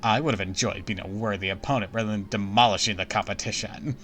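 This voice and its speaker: A man's voice: lowish voice, fairly even intonation, fast, a bit bright. Man putting on a brash Valley Girl fairy princess. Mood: cocky, challenging. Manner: Valley Girl delivery, cocky and bossy. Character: brash, haughty young fairy princess, female. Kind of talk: playful game dialogue read-aloud.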